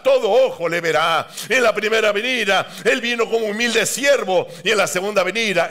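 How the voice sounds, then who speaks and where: A man's voice: sits high, bright, forceful tone. A male pastor preaching a sermon, calling out to the church and building rhythmic repeated contrasts.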